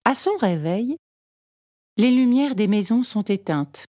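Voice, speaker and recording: Slow, calm woman reading a storybook. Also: on the high side, no room sound, studio quality. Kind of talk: storybook read-aloud narration.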